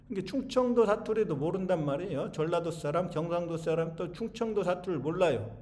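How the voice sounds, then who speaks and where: A man's voice: high voice, darkish tone. A man giving an informal spoken lecture, asking questions and answering them himself, with frequent "eh?" tags to the listeners. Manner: keeps tossing in rhetorical tags like "eh?" to the audience.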